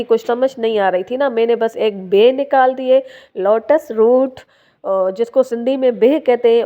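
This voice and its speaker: Her fairly high voice comes through narrow and tinny on a phone microphone. She's a young woman from Sindh, Pakistan, doing a chatty home vlog voice-over, speaking warmly to viewers and leaning on fillers.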